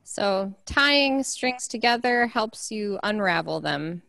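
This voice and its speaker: A woman's voice: medium pitch, lively intonation, slow pace, gravelly, a bit bright, dry recording. A woman leading a casual online church group discussion, chatty and saying "like" often. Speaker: worship leader.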